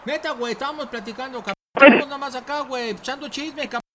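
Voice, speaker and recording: A man's voice: extremely high pitch, fast, bright, forceful tone. A man playing a brash, slangy young lover. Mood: defiant. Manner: crude slangy swaggering talk. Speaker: radio prank host. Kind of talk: comedic radio prank acting.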